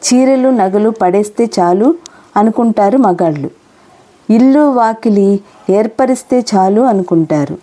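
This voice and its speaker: A woman's voice: medium pitch, mellow, lightly acted. A woman voicing a hurt, neglected young wife in an audio novel, reproachful and tearful in her pleading.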